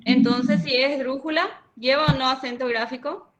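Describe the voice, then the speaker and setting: A woman's voice: sits high, steady tone, normal speed, lo-fi sound. A woman teacher giving a grammar lesson, patiently questioning her students. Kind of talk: online Spanish grammar lesson.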